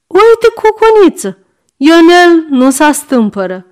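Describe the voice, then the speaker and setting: A woman voicing a hoarse, fretful old woman servant who calls out anxiously from the next room in a storybook reading. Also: very animated, a little mellow. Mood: alarmed. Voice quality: hoarse, shrill. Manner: calling out anxiously from another room.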